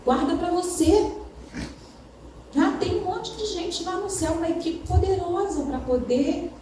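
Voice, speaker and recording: A woman's voice: very high-pitched, measured pace, warm tone. A woman preaching a sermon in a church, talking conversationally and often addressing the congregation as brothers. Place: church hall. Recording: echoey hall from far off, faint noise.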